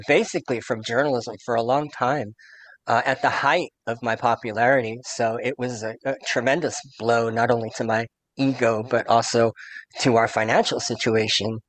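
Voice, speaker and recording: A middle-aged man with a high, squeaky voice, interviewed as a guest over a video call, halting with many uhs and restarts. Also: fairly bright tone, no echo, rough recording. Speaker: guest journalist. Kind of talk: casual interview.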